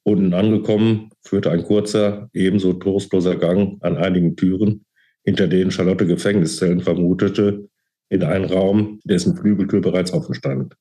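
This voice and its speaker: Fields: Sex: male. Role: author reading his novel. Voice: deep, mellow. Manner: calm, measured. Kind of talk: book reading.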